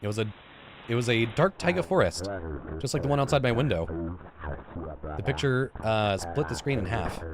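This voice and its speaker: With crowd noise audible, a gaming YouTuber in his thirties reads visual novel narration for a let's play, speaking informally at normal speed and pausing often. His expressive voice is mid-range, and he trips over words and drops casual comments. He is seated at a computer in an indoor room while game music plays.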